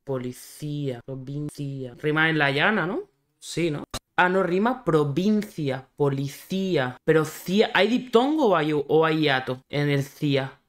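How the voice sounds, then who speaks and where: A man streaming a reaction video, working through rhyme rules out loud and swearing now and then. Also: a little high, animated, a little slow. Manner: thinks aloud, questions himself, swears. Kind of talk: casual reaction chat.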